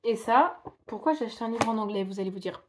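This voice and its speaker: A woman's voice: fairly high pitch, expressive, quick pace, background noise. A young woman in casual vlog chat, rambling and self-mocking with lots of fillers. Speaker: book vlogger.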